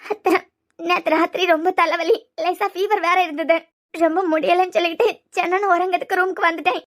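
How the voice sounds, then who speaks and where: A woman's voice: extremely high pitch, fairly even intonation, a little fast, fairly bright tone. A woman with a Kanyakumari Tamil accent voicing a tearful, despairing young woman in a cartoon serial. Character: distraught young woman, newly engaged.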